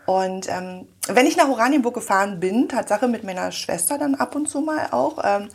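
A woman's voice: fairly high pitch, animated, normal speed, gravelly, slightly rough. A woman in her forties from Berlin, chatting in an interview in a small office and rambling with many fillers. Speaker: guest. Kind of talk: casual interview chat.

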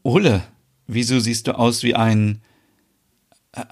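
A man's voice: medium pitch, fairly even intonation, slow. A man voicing a tired, polite grown woman in a podcast soap opera, speaking in a weary way.

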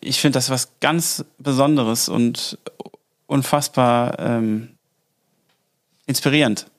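A man hosts an interview podcast and thanks his guest with care. He talks slowly, pausing with fillers as he looks for words. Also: medium pitch, fairly even intonation. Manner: warm, appreciative, hesitant with fillers. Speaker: podcast host. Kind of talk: interview conversation.

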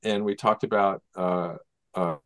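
An older man with a fairly low voice tells a rambling story, full of "uh"s and restarts. His voice comes over a remote call line that drops out and cuts him off mid-sentence. At moments he sounds far off. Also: fairly even intonation, fairly bright tone, no room sound, studio quality. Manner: rambling, halting, with many fillers and restarts. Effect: remote call connection that keeps cutting out. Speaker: interview guest, golf writer. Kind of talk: casual storytelling in a remote interview.

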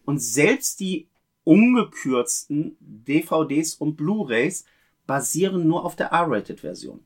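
A man's voice: a little high, sing-song, takes it slowly. Earnest man sharing film trivia. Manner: earnest, detail-loving, explains trivia. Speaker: podcast co-host. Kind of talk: casual chat about films.

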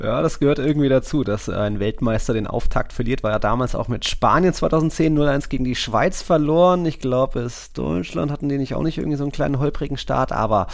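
A man's voice: mid-range voice, fast, vocal fry, hardly any pauses. A man hosting a casual football podcast over a video call, chatty and teasing, telling stories with animation. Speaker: podcast host.

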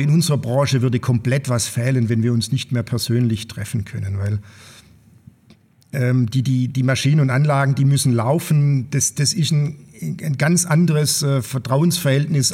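A man's voice: mid-range voice, darkish tone, long reverb tail. A man being interviewed as a company owner, speaking thoughtfully with many fillers and restarts. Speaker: managing partner of an engineering firm, guest. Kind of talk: podcast interview.

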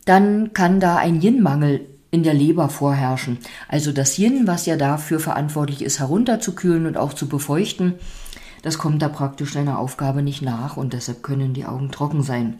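A woman physiotherapist and coach talks calmly through health topics on her podcast, explaining in a conversational way. Her voice is low and mellow. She also reads a story aloud in the same calm manner.

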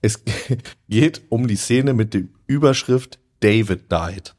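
A man's voice: on the low side, slow, a little mellow. A man co-hosting a casual podcast chat, animatedly retelling a scene and acting out the quoted voices. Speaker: podcast co-host. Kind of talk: casual chat about reality TV.

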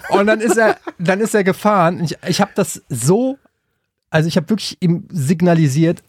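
A man's voice: high-pitched, normal speed, no room sound. A man from Frankfurt, a podcast co-host, telling a story in casual chat. He rambles, restarts often and gets worked up as he goes. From Frankfurt, Germany. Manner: rambling, with many restarts and hesitations, getting worked up as the story builds.

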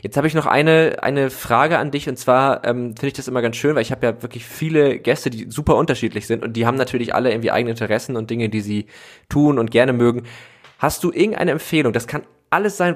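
A man hosting a podcast, chatting casually and thinking aloud as he talks. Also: mid-range voice. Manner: relaxed, thinking aloud with fillers and restarts. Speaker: podcast host. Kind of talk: casual conversational interview.

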